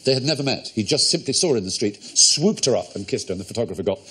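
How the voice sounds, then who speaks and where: A man's voice: mid-range voice, animated, fast talker, fairly bright tone, slightly rough. A man hosting a comedy quiz show in a studio, erudite and playful, relishing his words. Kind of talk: witty panel show hosting. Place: TV studio with audience.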